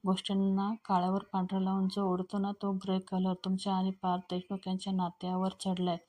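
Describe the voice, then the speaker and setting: A woman reading the lines of a pushy male TV reporter with mock-polite, needling questions, in a flat voice. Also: mid-range voice, a little fast, close to an everyday voice.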